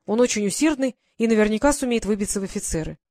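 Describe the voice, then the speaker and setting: A woman reading an audiobook, voicing a calm young male guard sergeant reassuring his mother in a steady way. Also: medium pitch, fast talker, close to an everyday voice.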